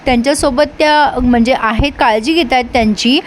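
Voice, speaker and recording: A woman's voice: high voice, a little fast, a little hiss or hum, lightly acted. An earnest young maid, as a woman storyteller reads her out. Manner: earnest, defending.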